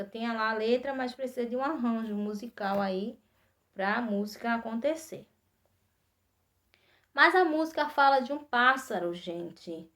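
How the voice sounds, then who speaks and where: A Brazilian woman teaching an arts class to young children, patiently explaining steps and often checking in with the kids. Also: fairly high pitch. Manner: patient, repeats instructions, frequent "tá?" checks. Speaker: primary school arts teacher.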